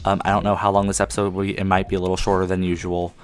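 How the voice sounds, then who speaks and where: A man's voice: low voice, flat delivery, rapid-fire. A young man hosting a casual podcast chat, rambling with lots of ums. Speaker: podcast host. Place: friend's house at night. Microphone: one mic shared with a co-host.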